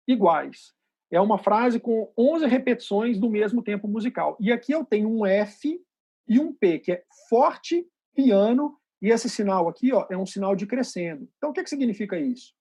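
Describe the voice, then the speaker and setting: A man teaching a rhythm workshop, patiently explaining and counting beats out loud. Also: very high voice, husky. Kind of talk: rhythm lesson.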